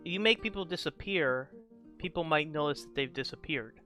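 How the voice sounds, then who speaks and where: A man's voice: a little high, expressive, normal speed, bright, forceful tone, soft background music. A man running a tabletop game as game master, explaining rules with frequent hesitations.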